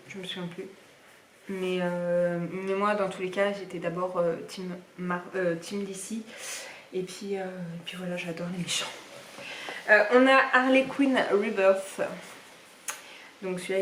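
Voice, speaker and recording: A woman's voice: mid-range voice, background noise. Chatty young woman, echoey room. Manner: chatty, rambling with many fillers. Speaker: book vlogger. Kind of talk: casual reading vlog chat. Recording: echoey room, somewhat far from mic.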